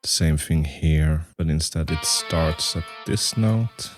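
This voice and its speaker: A man's voice: takes it slowly, over music. A man composing a metal song on his computer, talking through each step and humming out rhythms. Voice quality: very deep, gravelly voice. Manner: thinking aloud, humming and scatting rhythms. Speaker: musician and YouTuber. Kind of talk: casual talk-through while composing.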